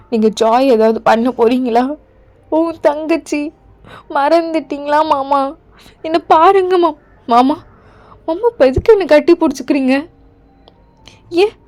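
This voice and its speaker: A woman playing a gentle, fearful young queen. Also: sits high. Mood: anxious. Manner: pleading, soft and gentle. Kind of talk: Tamil fan audio drama.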